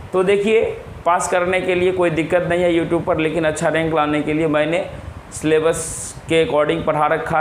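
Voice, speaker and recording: Young adult male teacher, patient and repetitive; fairly high voice, roomy echo. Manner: repeats key words and asks rhetorical questions. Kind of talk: classroom-style explanation. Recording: echoey room with faint noise.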